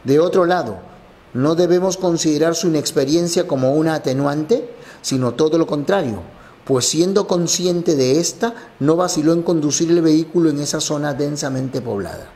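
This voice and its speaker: A man's voice: on the high side, normal speed, dark tone. A man teaching a language lesson, explaining exam answers step by step.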